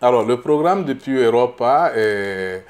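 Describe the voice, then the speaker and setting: A middle-aged man from Burkina Faso answers interview questions as a candidate. He speaks slowly and haltingly, repeating small words while he searches for the next one. He grows emphatic on his key points. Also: medium pitch, expressive, a little mellow. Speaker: political candidate.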